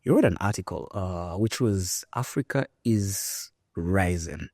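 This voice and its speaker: A man from Rwanda hosts a podcast and leads the interview with emphatic, animated phrasing, often stopping on fillers. His voice sits very low, and it sounds dry and close to the mic. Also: measured pace, dry recording. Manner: lively, emphatic, with frequent fillers. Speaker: podcast host. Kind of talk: conversational interview.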